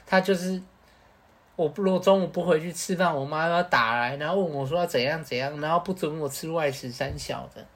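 A man with a Taiwanese Mandarin accent, a podcast co-host telling a casual, animated story with Hokkien swearing. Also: a little high, fairly quick.

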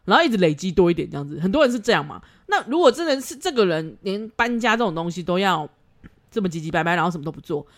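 A woman's voice: on the low side, very animated, fast talker. A woman podcast host, giving blunt casual advice, swearing freely and laughing often.

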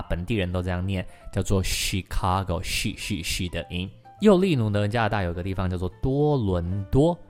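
A young man hosting an English-learning podcast lesson in a chatty, lively way, slowly modelling English sounds again and again. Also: lowish voice. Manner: chatty, lively, with many sentence-final particles.

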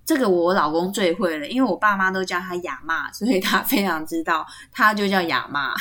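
A woman's voice: on the low side, animated, brisk, bright, forceful tone. A woman with a Taiwanese Mandarin accent hosting a podcast language lesson, patiently explaining words and spelling them out letter by letter. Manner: frequent tag particles seeking agreement. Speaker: podcast host teaching Atayal kinship terms.

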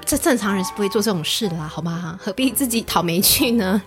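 Young female co-host, bright lively voice, giggly banter over background music. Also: medium pitch, fairly quick. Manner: playful, laughs often, mixes in English words. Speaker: podcast co-host. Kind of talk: casual chat.

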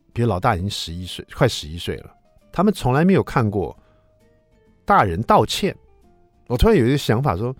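A fast-talking, low-voiced man around fifty hosts a radio show and tells a family story in a loose, chatty monologue. His pitch jumps all over as he plays out the voices in it. The sound is close and dry, with faint music behind. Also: dry recording. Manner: animated, acts out quoted voices, swings between loud and soft. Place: radio studio. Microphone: studio microphone.

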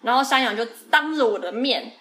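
A woman rattles through a childhood story for a podcast at a quick clip. Her voice sits a bit higher than most, and she laughs often between her fillers. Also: expressive, sharp tone. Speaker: podcast host. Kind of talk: casual storytelling chat.

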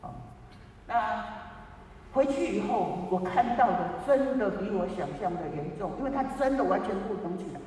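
Taiwanese-accented man, high voice, halting, moved storytelling; distant, echoey room with faint hiss. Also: expressive, darkish tone. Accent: Taiwanese Mandarin. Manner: halting, repeats words, deeply moved. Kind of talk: personal storytelling.

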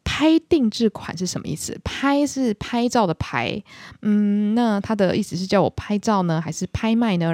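Fast-talking woman. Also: medium pitch, no room sound, studio quality. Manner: animated, self-mocking storyteller. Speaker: podcast host. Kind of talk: casual solo storytelling.

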